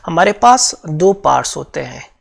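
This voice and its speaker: A man's voice: fairly high pitch, very animated, normal speed, gravelly. A man with a Pakistani accent teaching a grammar lesson for exam preparation, explaining step by step and repeating key points.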